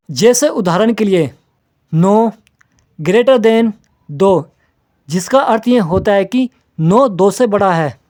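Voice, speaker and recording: Man, tutorial narrator, scripted explanation, methodical, steady, mellow tone. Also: sits high.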